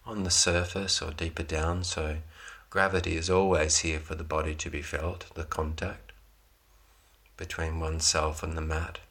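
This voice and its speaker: A man leading a guided relaxation meditation, giving soothing, unhurried instructions in short phrases with pauses between them. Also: extremely low pitch, level tone, a bit bright.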